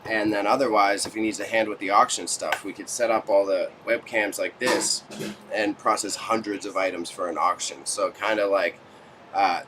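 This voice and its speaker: Amid noisy background sound, a Toronto man with a lowish voice hosts a livestream from a small warehouse space stacked with goods. He chats casually with viewers, trading slangy, joking banter.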